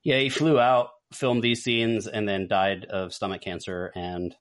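On a podcast, a co-host with a voice on the low side and a flat delivery ranks films in an unhurried, casual conversation peppered with rambling asides.

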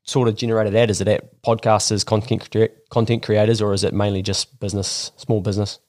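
A man's voice: lowish voice, level tone, brisk, a little mellow, no room sound, clean studio sound. A man with a broad Kiwi accent hosting a podcast interview in casual, laid-back slang. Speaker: podcast host.

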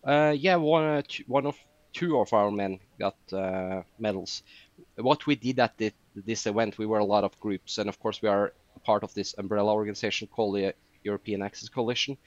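A man's voice: lowish voice, brisk, dry recording, dull audio. A man chatting as a podcast guest, telling long rambling stories with many fillers. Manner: rambling storytelling with frequent fillers. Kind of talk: casual podcast chat.

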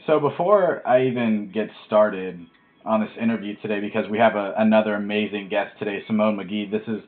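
A man hosting a casual podcast, chatty and excitable, getting fired up as he talks. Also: lowish voice, a little fast. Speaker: podcast host. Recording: tinny phone-like audio.

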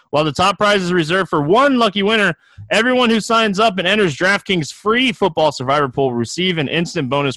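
A man who hosts a podcast, reading an energetic promotional ad in a punchy, upbeat prize-announcer manner. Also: high-pitched, no echo.

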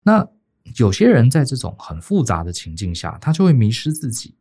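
A middle-aged man from Taiwan with a Taiwanese Mandarin accent, co-hosting a podcast and telling a casual career story, often pausing on fillers. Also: mid-range voice, wildly swooping pitch, warm tone, husky. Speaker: podcast co-host.

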